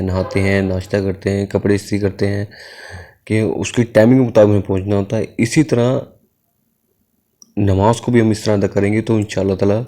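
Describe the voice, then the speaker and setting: A man reads a scripture commentary in an earnest, measured way, then preaches on prayer in a casual tone. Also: fairly low pitch, warm tone. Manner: measured, earnest reading with unhurried pauses. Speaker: religious speaker.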